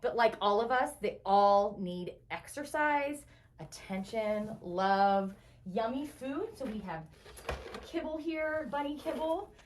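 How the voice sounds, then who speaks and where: Taking it slowly in a fairly high, animated voice, a woman guides children through an animal shelter's indoor rooms on an educational tour. She explains things simply and with enthusiasm. The recording comes from a distant mic and carries faint background noise.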